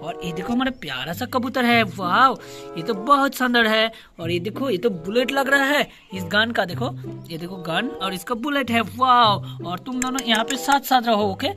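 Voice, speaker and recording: A man narrating toy play for children as a channel host, excited and full of repeated exclamations. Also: very high voice, moderate pace. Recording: background music.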